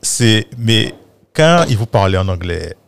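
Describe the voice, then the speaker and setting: A man with a fairly low voice taking part in a relaxed group talk. He speaks haltingly, repeating words as he looks for how to say things. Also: vocal fry, clear, resonant tone. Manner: halting, repeats words while searching for phrasing. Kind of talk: casual conversation.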